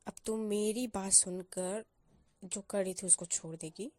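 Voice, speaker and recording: A blunt, caring best friend, a young college girl, lays down advice in a firm and coaxing way, played by a woman storyteller. Her voice is warm and mellow. The sound is close and dry. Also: medium pitch, steady tone, a little slow, no echo, close to an everyday voice. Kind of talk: storyteller voicing a character.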